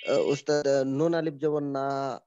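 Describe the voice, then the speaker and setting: A man's voice: mid-range voice, level tone, unhurried, dark tone, clean tone, no room sound. A man in a reading class, hesitantly spelling out syllables for his teacher. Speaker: student. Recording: dry, dull lo-fi audio.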